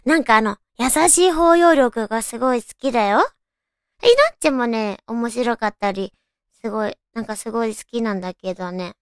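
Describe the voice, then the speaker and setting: High, cute anime-girl voice, creaky young-sounding woman. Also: normal speed, no room sound, clean studio sound. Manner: chatty, musing aloud to listeners. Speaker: radio show host. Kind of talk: casual solo radio chat.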